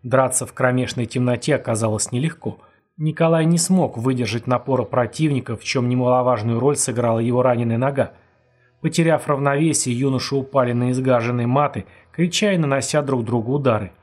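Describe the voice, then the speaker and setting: Husky man narrating an audiobook. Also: mid-range voice, a little fast. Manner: steady dramatic reading. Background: faint music.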